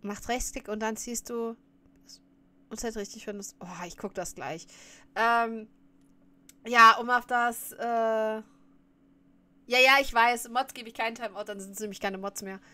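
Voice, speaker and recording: Lady streamer, kinda high voice, rambling and telling chat to behave. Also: fairly even intonation, measured pace, pauses often, bright, forceful tone. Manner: chatty, scolds chat, laughs often. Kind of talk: casual reaction stream chat.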